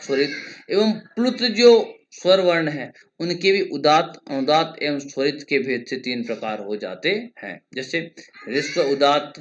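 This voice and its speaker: A male lecturer teaching Sanskrit grammar in a measured, explanatory way, stretching vowels to show their lengths and chanting grammar rules slowly. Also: on the high side, a bit bright. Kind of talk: exam-prep grammar lesson.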